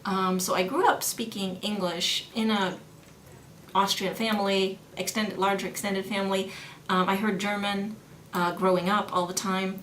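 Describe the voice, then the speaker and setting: A middle-aged German studies professor, born in New York and raised in Vienna, thoughtfully explains her research in an interview, with many fillers and restarts. Her medium-pitched, slightly bright voice moves at a moderate pace with little pitch variation. The recording is roomy with faint background noise.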